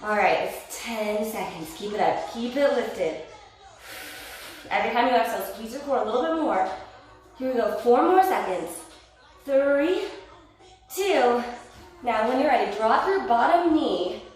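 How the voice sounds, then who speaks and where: A woman's voice: on the high side, animated, unhurried, long pauses, darkish tone. A woman Pilates instructor cueing a workout and counting reps, encouraging and a little winded as she exercises along. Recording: roomy echo, distant mic, faint music.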